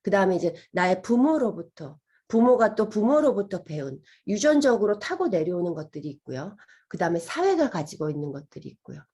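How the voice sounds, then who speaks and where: Woman, healing lecture, breathy, lively pitch, asks listeners questions, acts out inner voices. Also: brisk, few pauses. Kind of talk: gentle lecture to an audience.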